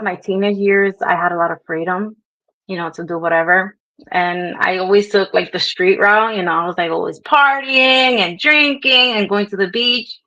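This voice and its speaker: Speaking at a medium pitch with a slightly bright tone, this young interview guest from Brooklyn recounts her life casually, laughing often and filling pauses. She's of Dominican descent, her New York accent tinged with Spanish; the dry recording is dull, lo-fi video call sound.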